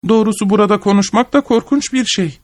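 A small, cheeky bird from a folk tale that parrots back whatever it hears, voiced by a man. The voice jumps up high into a thin chirp. The sound is dry and close. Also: fast talker, dry recording, lightly acted. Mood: mocking. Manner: chirping mimicry.

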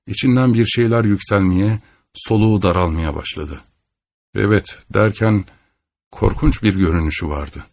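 A man narrating a literary audiobook in a measured, solemn reading style. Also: on the low side, darkish tone, no room sound.

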